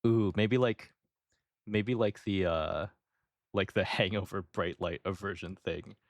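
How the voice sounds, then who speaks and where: A man with a low voice talks slowly and with hesitation, thinking aloud with lots of fillers. He co-hosts a casual podcast. The sound is dry and close to the mic. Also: no room sound. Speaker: podcast co-host. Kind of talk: casual chat.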